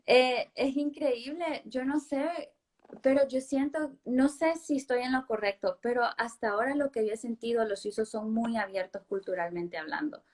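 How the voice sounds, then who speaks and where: A woman's voice: fairly high pitch, normal speed, a little mellow. A woman from Honduras in her thirties, a guest in a conversational interview, who talks emphatically and repeats words for stress.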